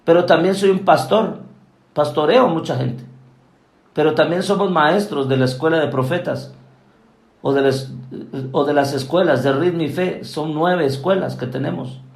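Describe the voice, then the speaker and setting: A man preaching a sermon as an apostle, forceful and emphatic. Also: on the high side, moderate pace, vocal fry, roomy sound.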